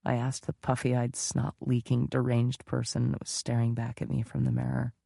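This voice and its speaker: Guy reading a memoir audiobook, gravelly and dark, super close dry mic. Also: medium pitch, monotone, moderate pace, no room sound. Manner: intimate, confessional. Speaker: audiobook narrator. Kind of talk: first-person audiobook narration.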